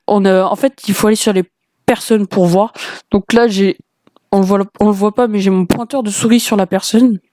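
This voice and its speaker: A woman's voice: mid-range voice, dark tone, no room sound, studio quality. A woman hosting a gaming video, explaining a game step by step in a casual, hesitant way with many fillers. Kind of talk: casual game walkthrough commentary.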